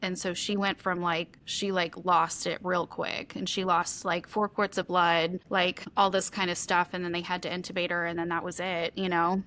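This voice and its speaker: A woman's voice: lowish voice, little pitch movement, normal speed, hardly any pauses, a bit bright. A woman co-hosting a podcast, talking candidly and at length in a rambling, open way with many "like" fillers. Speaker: podcast co-host. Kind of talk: candid conversational chat.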